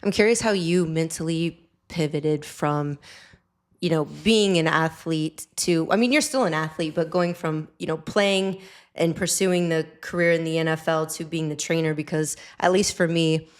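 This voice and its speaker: A woman's voice: deep voice, moderate pace. A young adult woman hosting a sports podcast, interviewing a guest in a bubbly, upbeat way. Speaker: podcast host and sports reporter. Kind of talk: casual interview.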